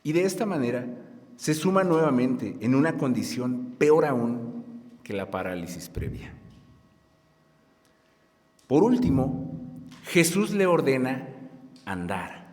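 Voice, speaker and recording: A man delivers a sermon at a measured, unhurried pace, his pitch moving widely as he swells to loud, emphatic peaks on key words. His voice carries a long reverberant tail, as if filling a large hall. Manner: slow, lively preaching with strong rises in loudness; leads the congregation in reading aloud. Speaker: pastor. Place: church hall at a conference.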